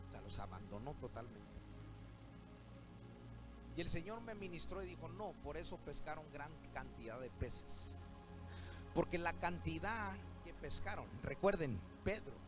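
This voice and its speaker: A man preaching a sermon to his church congregation, often rising to shouts. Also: sits high, low-quality recording. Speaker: pastor. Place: church sanctuary.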